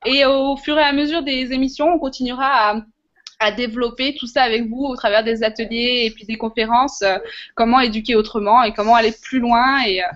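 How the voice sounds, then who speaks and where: A woman's voice: a little high, steady tone, fairly quick, fairly bright tone. A woman hosting a workshop, giving an informal, chatty demonstration with a hesitant way of explaining. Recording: muffled, lo-fi audio.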